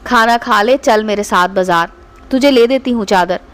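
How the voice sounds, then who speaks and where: A poor, gentle mother from a storybook tale, read by a woman narrator. She talks softly and pleads, in a fairly high voice. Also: moderate pace, lightly acted. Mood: tender. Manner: soft, pleading.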